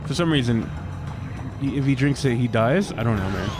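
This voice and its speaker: A man's voice: medium pitch, expressive, moderate pace, music in the background. Joking slangy gaming guy. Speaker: co-host of a gaming podcast. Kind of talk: casual gameplay commentary.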